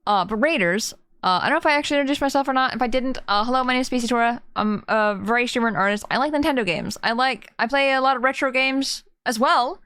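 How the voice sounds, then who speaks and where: A woman's voice: fairly high pitch, quick pace, hardly any pauses, a bit bright, smooth, no echo. A woman live-streaming a game and chatting with viewers in a cute, bubbly streamer manner, with singsong greetings. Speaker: variety streamer and artist. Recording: game music behind the voice.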